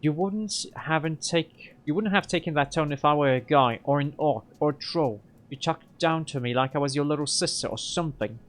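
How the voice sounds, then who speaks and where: A man's voice: a little high, moderate pace, hardly any pauses, a bit bright, lightly acted. A man reading a game aloud and voicing a feisty young woman decker whose small voice turns raucous. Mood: angry.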